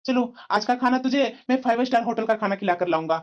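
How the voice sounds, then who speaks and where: A woman voicing a smooth-talking, cheating young husband in a cartoon, coaxing and evasive, full of fillers. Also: on the high side, expressive, quick pace, darkish tone, muffled recording, lightly acted. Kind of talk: cartoon voice acting.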